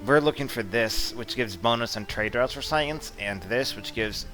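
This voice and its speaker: A man's voice: mid-range voice, normal speed, faint music behind. Laid-back man commenting on a strategy game. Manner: relaxed, blunt, mildly profane asides. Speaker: strategy game guide presenter. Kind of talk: casual gameplay commentary.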